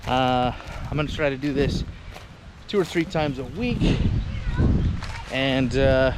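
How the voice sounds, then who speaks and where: A man talking casually to camera as a vlog host, in an informal, halting, rambling way. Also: medium pitch. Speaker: vlogger and host. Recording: noisy outdoor ambience, vehicle and river noise.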